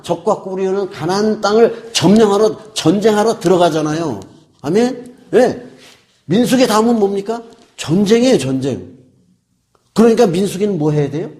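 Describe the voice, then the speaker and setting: A man's voice: high voice, a little mellow. A middle-aged man preaching a sermon as pastor. He asks the congregation questions, answers them himself and repeats key words for emphasis.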